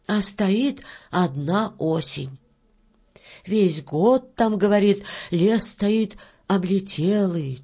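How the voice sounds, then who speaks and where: A woman narrating a fairy tale in an expressive storybook reading. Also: mid-range voice. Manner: slow, expressive, lilting. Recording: dull lo-fi recording.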